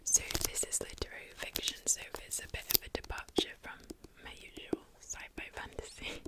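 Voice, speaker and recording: A woman whispering softly into a close mic, chatting about books in a gentle, unhurried way. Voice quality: soft whisper. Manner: slow, gentle, chatty with tapping sounds. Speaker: booktuber. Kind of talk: whispered ASMR book chat.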